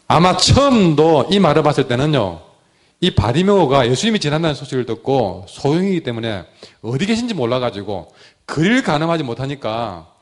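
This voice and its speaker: A man preaching a sermon as a pastor, with a sore throat, swinging between loud cries and hushed words. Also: fairly high pitch.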